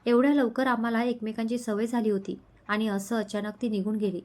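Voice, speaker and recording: A woman's voice: on the high side, flat delivery, fairly quick, darkish tone, natural voice. A woman reading the part of a homesick young girl who speaks in a weepy, pleading way. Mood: tearful.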